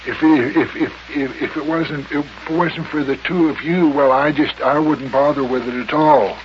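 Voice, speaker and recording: A man's voice: fairly high pitch, fairly even intonation, moderate pace, pitched above the performer's own voice, natural voice. Man acting blustery small-town mayor, older, stammering, folksy, old radio comedy, dull hissy recording. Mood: flustered, pleading.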